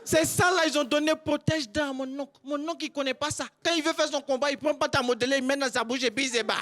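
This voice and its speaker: A man telling a comic story on stage as a stand-up contestant, animated and breaking into shouts. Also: very high voice, quick pace. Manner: animated, bursts into shouts and cries. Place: stage before a live audience.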